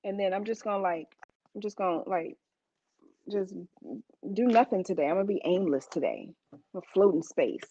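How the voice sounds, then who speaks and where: A woman's voice: medium pitch, expressive, brisk, pauses often, dark tone, muffled recording. A woman preaching a sermon, telling stories to the congregation in a conversational, emphatic way.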